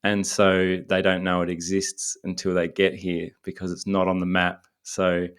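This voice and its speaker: A man with a fairly low voice co-hosts the podcast as the comedian. He jokes in a playful, easygoing chat. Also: monotone, moderate pace, smooth. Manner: joking, playful. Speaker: comedian co-host.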